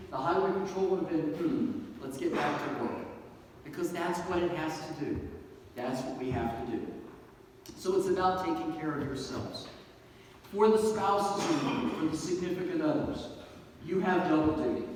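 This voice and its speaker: A man's voice: on the high side, darkish tone, slight background noise. A man giving an earnest banquet speech with folksy humor as a guest speaker from a law-enforcement agency. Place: banquet hall. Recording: echoey hall from a distance.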